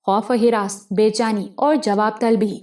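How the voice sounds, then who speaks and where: A woman voicing a desperate young woman in a criminal gang, tearful and near breaking, who turns to frantic shouting. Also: mid-range voice, fairly even intonation, natural voice. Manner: tearful, then screaming in a frenzy.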